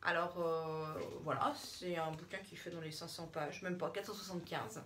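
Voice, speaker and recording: A woman's voice: lowish voice, steady tone, normal speed, a bit bright, a little hiss or hum. A woman vlogger talking casually to her camera about books at home, hesitating often with fillers and restarts. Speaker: book vlogger. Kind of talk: casual book review to camera. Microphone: camera in front, she steps back from it.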